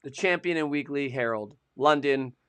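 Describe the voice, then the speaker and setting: Bright-voiced joking male co-host. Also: mid-range voice, moderate pace, clean tone. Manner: chatty and joking, reads sources aloud with asides. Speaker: co-host of a produce industry show. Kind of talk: casual live-stream chat reading idiom history.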